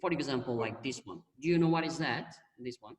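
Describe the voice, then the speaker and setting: Korean-accented teacher on a video call. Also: male voice, medium pitch, a little fast, roomy sound, in a large hall, distant mic, low-quality recording. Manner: patient, explains with repeated examples and frequent "yeah" and "okay". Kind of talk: online class teaching.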